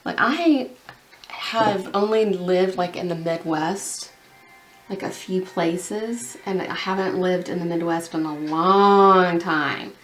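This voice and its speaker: A woman's voice: fairly low pitch, slow pace, a bit bright. A young woman chatting casually as a beauty vlogger while painting her nails, rambling along with lots of fillers.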